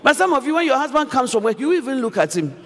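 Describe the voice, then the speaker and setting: A woman pastor preaching a sermon in an animated, emphatic way, often raising her voice to a shout. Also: sits high, fast talker. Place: church hall. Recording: reverberant church hall, faint background noise.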